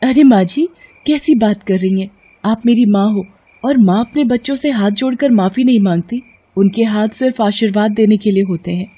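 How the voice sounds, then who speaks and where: A woman voicing a meek, kind young daughter-in-law who speaks softly and politely in a cartoon story. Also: medium pitch, moderate pace, breathy edge, lo-fi sound, pitched above the performer's own voice, close to an everyday voice. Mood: gentle. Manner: soft, gentle, polite.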